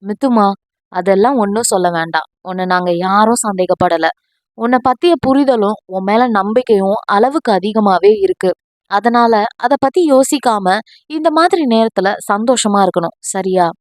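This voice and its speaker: A woman's voice: on the high side, lively intonation, normal speed, dry recording, studio quality, close to an everyday voice. A woman voicing a kind middle-aged mother in an audio novel, soothing and motherly. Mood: comforting.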